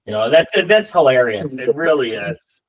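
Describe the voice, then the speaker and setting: A man's voice: medium pitch, animated, moderate pace, poor audio. A man hosting a casual interview, chatty and exclamatory as he puts questions to his guest. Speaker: podcast host.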